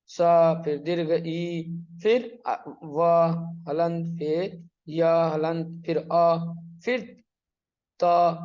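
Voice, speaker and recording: A man's voice: fairly high pitch, darkish tone, muffled recording. A male teacher giving an online Sanskrit lesson, reading words out and explaining each one with repetition. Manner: slow, drawn-out dictation of words with quick explanations; instructive, repeats and translates each phrase. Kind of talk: online exam-prep lesson.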